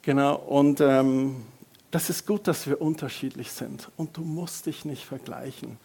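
A middle-aged man preaching a lively sermon as a pastor, joking with the congregation and raising his voice for emphasis. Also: a little high, moderate pace, vocal fry, husky. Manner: lively, varies loudness for emphasis, jokes with congregation.

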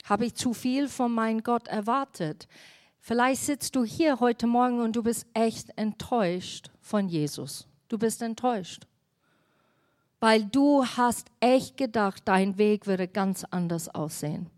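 Woman pastor preaching with higher voice. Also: unhurried, darkish tone. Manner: addresses the congregation directly with questions. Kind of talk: sermon.

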